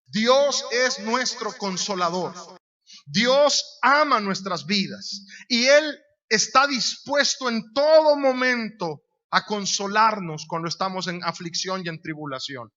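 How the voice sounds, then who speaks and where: Honduran male preacher, high bright voice, emphatic sermon delivery, dull lo-fi recording. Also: animated, slow pace. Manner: emphatic, repeats key phrases, rhetorical questions.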